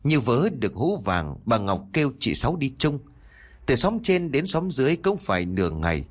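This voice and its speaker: A man narrating a village horror story in a lively, dramatic reading. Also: medium pitch, normal speed.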